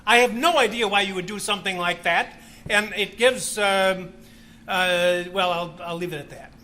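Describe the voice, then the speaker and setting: A man's voice: high voice, normal speed, sharp tone. A man serving as judge, speaking from the bench in a courtroom recording, stern and scolding, cutting in and stumbling over his words.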